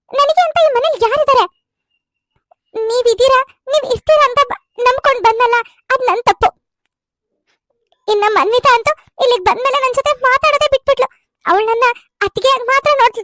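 A woman's voice: very high-pitched, a bit bright. A woman voicing a young bride and student in a cartoon serial, pleading and tearful as she complains. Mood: upset.

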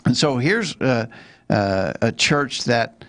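Guy leading a bible study, gravelly voice, earnest, stops and restarts a lot. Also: mid-range voice, lively intonation, fairly bright tone, no echo, clean studio sound. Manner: earnest, reads scripture aloud with halting restarts. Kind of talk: casual Bible study talk.

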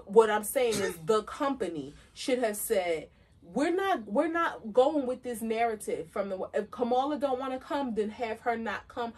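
A woman co-hosting a podcast, speaking in an animated, outspoken and sassy way in casual chat. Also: fairly high pitch, normal speed. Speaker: podcast co-host. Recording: distant mic.

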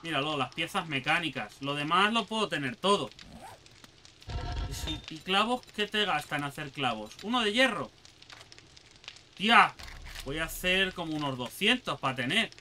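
A young man with a Spain Spanish accent giving excitable let's play commentary, talking to himself and the game and swearing casually. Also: a little high, normal speed, long pauses, a little hiss or hum. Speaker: gaming channel host.

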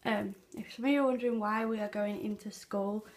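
A young woman chats casually to her vlog while wearing clear plastic retainers. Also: medium pitch, steady tone, fairly quick. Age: teens. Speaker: vlogger. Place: small bedroom at home. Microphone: handheld phone camera at arm's length. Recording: phone recording with faint noise.

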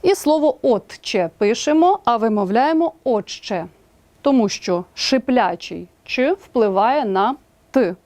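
A woman with a Ukrainian accent reading a scripted language lesson, spelling out example words slowly and clearly. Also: fairly high pitch, a little mellow. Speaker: language teacher.

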